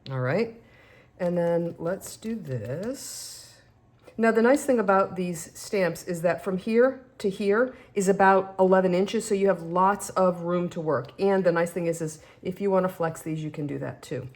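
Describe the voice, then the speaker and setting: A woman talks through a stamping demonstration in a relaxed, chatty way. Her voice sits a little low, and she pokes fun at herself as she goes. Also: a little slow. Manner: chatty, self-deprecating, talks while working. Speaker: craft demonstrator. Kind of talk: casual craft tutorial.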